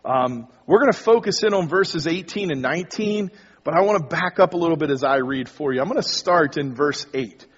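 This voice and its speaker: A pastor delivers a sermon, talking conversationally and directly to his congregation. His voice is on the high side, husky, and fairly quick. The recording sounds dull and lo-fi, with long hall reverb.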